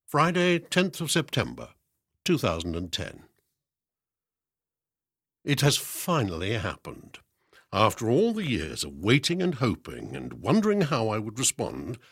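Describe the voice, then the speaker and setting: A man reading a humorous first-person story aloud for hospital radio, with lively, expressive delivery and dry humour. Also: on the low side, husky, no room sound. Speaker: reader.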